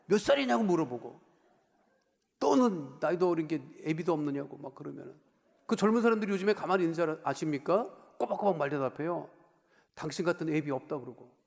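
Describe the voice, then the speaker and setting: A man preaching a sermon as pastor, talking conversationally, putting questions to the congregation and moving between raised emphasis and quiet asides. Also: fairly high pitch, expressive, fast, vocal fry. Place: church sanctuary. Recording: long reverb of a large church hall.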